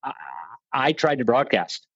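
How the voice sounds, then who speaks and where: This man, a guest leading a veterans motorsport program, talks about it in a conversational interview, plainspoken and self-deprecating, rambling with frequent restarts. His medium-pitched voice is fairly bright and slightly rough, and he speaks a little slowly. There's no room sound, though the audio is muffled.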